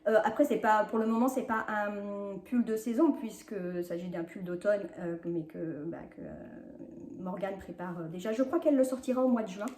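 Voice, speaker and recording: A woman hosting a knitting vlog, chatting in a hesitant, filler-heavy way as she shows her projects, sometimes rushing and apologizing for talking fast. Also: medium pitch, darkish tone, a little hiss or hum. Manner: chatty, hesitant with many fillers, laughs often. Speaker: knitting podcast host. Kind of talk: casual knitting vlog chat. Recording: echoey home room.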